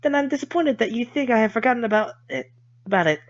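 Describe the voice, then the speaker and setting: A man's voice: very high-pitched, animated, fast talker, dull audio, pitched above the performer's own voice. A man voicing a polite, refined blind schoolgirl who speaks in a formal, composed manner. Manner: formal, composed, slightly stiff.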